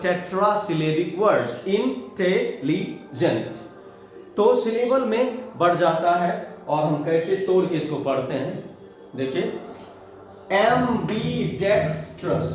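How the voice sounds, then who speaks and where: Indian man, English vocabulary teacher, high voice, unhurried delivery, very echoey room, faint music behind. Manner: slow drawn-out word spelling. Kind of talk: vocabulary lesson.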